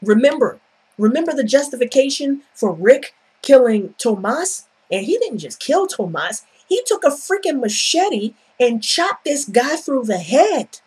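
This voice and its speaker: A woman's voice: high voice, sing-song, unhurried, a little mellow, slightly rough. A woman giving a casual, opinionated TV episode review, exasperated and sarcastic, firing off repeated rhetorical questions.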